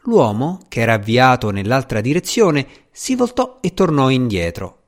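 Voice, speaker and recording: A man narrating a novel in a measured storytelling delivery. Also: mid-range voice, big pitch swings. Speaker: audiobook narrator. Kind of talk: scripted narration.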